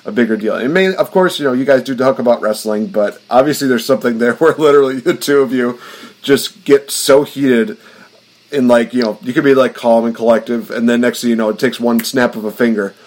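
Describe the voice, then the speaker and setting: Podcast host guy, middle pitched voice, keeps going "it's one of those things". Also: brisk, darkish tone. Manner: rambling, with many fillers. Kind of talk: casual podcast chat.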